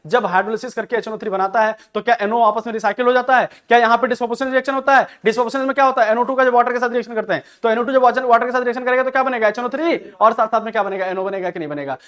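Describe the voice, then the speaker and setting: In a very high, clear, resonant voice with a fairly bright tone, a male chemistry teacher runs an exam-prep lecture. He asks himself rhetorical questions and answers them, warmly referring to students as "beta."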